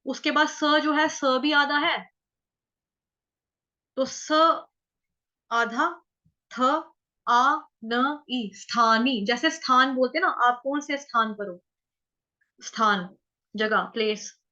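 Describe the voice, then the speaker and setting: High bright woman teaching verse chanting. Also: dull audio. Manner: breaks words into syllables and repeats them slowly; slow, drawn-out chanting of verses. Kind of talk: Sanskrit recitation lesson.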